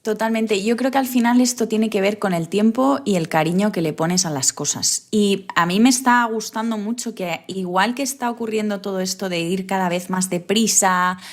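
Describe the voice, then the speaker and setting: A woman guest on an interview podcast, speaking at a middle pitch. She thinks out loud, circling back over her words and often ending with a questioning tag. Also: normal speed, hardly any pauses. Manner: thoughtful, restarts phrases, frequent tag questions. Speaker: guest photographer. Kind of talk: reflective interview talk.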